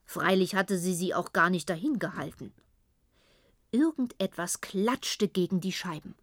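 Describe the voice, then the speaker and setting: A woman reading a children's story aloud in a calm, even storytelling manner. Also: lowish voice, measured pace, no echo, studio quality. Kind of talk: storybook narration.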